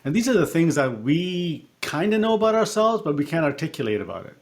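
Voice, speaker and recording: A middle-aged man, a coach and podcast guest, telling a personal story in a reflective, halting way with fillers and restarts. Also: a little high, sing-song. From born in Africa, raised partly in Canada.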